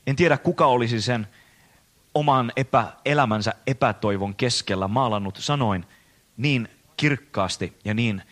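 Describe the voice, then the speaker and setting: A man preaching a sermon in an earnest, measured way, slowing down to stress key phrases. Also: mid-range voice, fairly bright tone.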